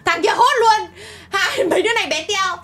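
A young woman, squealing and whining excitedly while playing a game. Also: extremely high pitch, moderate pace, very noisy. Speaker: co-player. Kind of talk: playful gameplay chat.

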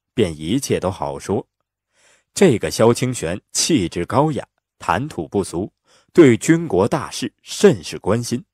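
A man narrating an audiobook in an expressive, lively storytelling manner on a close mic. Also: on the low side, dry recording.

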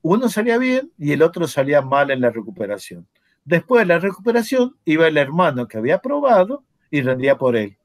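A man's voice: on the high side, big pitch swings, fairly quick, dry recording. An older man with an Argentine accent, a former chemistry professor telling a story in a casual chat, acting out the dialogue with laughter and swearing. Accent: Argentine Spanish.

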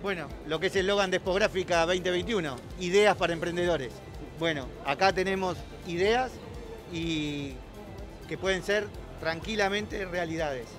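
A middle-aged Argentine man hosts a live event broadcast from a crowded expo floor. He introduces guests and invites visitors in an upbeat, promotional tone. His voice sits somewhat high, with faint music behind him. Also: normal speed. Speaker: event host interviewer. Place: busy indoor expo hall. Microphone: handheld mic.

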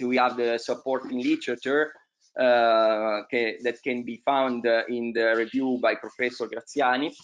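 A man's voice: mid-range voice, lo-fi sound. Hesitant man giving a dental lecture. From Italy. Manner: hesitant, many filler sounds. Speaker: periodontology lecturer. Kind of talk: online conference presentation.

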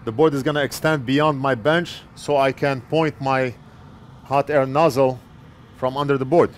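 Speaking plainly into a wired earpiece headset mic, a male repair technician in his forties talks through an electronics fix as he works at an indoor bench. He has a mid-range voice with fairly even intonation at normal speed, and slight background noise is present.

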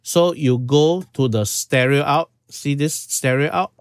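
A man from Singapore in his fifties, sitting in a small room at home, leads an informal screen-share tutorial on audio settings, saying "okay" frequently as he goes step by step. His voice is a little high, unhurried and smooth. The recording is studio quality with no room sound.

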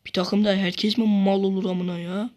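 A man playing a football video game, swearing constantly and repeating the same phrases in frustration, switching between low muttering and sudden shouts. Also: flat delivery, moderate pace, a little hiss or hum. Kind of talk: casual gameplay commentary.

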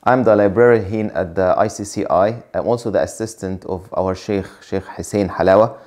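A man's voice: sits low, normal speed, a little mellow. A man in his thirties, raised in Egypt, speaking as a librarian giving a formal, courteous guided tour. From raised in Egypt, born in London. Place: indoor library.

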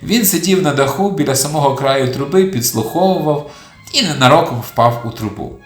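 Children's audiobook narrator, expressive, lively pitch, roomy sound, soft music. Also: brisk. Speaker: storyteller.

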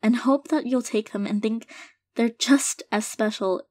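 Her pitch is fairly high and the recording is dry. She voices an affectionate girlfriend in an intimate audio roleplay, speaking to her partner in a casual, loving monologue that is sincere, soft-hearted, hesitant and halting.

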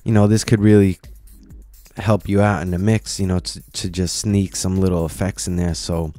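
Low, mellow-voiced man walking through a tutorial. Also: level tone, moderate pace, soft background music. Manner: casual, explains step by step with many "you know"s. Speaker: tutorial presenter. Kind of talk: screen-recorded software tutorial.

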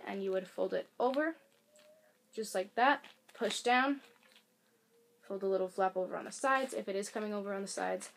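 A woman's voice: medium pitch, creaky. Young woman vlogger, mid-range voice, loose filler-heavy demo talk, home camera audio with faint hiss. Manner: rambling, filler-heavy, self-correcting. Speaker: beauty and advice vlogger. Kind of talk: casual product demonstration. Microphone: camera mic. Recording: faint hiss from air conditioner.

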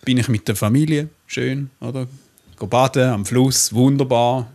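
A man's voice: medium pitch, fairly even intonation, moderate pace, a little mellow. A young adult man with a Swiss accent, co-hosting a comedy podcast and telling wry anecdotes. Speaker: podcast co-host. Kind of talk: casual comedy chat.

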